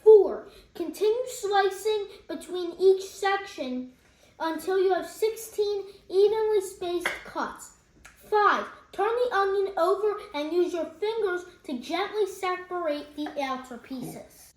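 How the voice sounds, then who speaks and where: A very high-pitched female voice helps out in a home kitchen, upbeat and agreeable. She reads recipe notes aloud step by step in a casual way. The kitchen adds a roomy echo. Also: slow, darkish tone. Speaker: cooking helper and co-host. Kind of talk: casual cooking chat.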